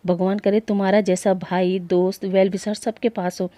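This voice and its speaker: A woman's voice: mid-range voice, level tone, normal speed, warm tone, no room sound, natural voice. A woman voicing a shy, easily flustered young man in a story she narrates. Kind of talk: storytelling voice acting.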